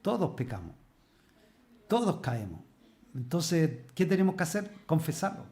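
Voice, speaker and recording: A man preaching a Bible study sermon as pastor. He asks rhetorical questions, and he slows down and stresses the words when he reads scripture. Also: fairly high pitch, big pitch swings, mellow.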